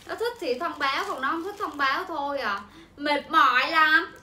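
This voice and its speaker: A woman's voice: sits high, animated, fairly quick, sharp tone. A young woman, chattering through a live-stream clothing sale with repetitive sales patter. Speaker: livestream clothing seller. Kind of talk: livestream selling chat. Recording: echoey room with faint ambient noise.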